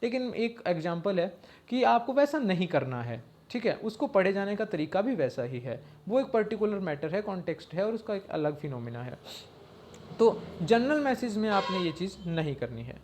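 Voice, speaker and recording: Man, high-pitched, exam-prep teacher, lecture off slides, checks in with "okay". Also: big pitch swings, normal speed, a little mellow. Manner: explains step by step, often checks in with a short "okay" and reads lines out in English.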